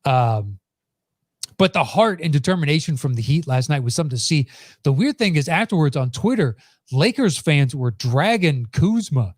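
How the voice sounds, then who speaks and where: A man's voice: fairly high pitch, sing-song, normal speed, darkish tone, dry recording, studio quality. A man hosting a sports podcast with blunt, conversational, casual commentary.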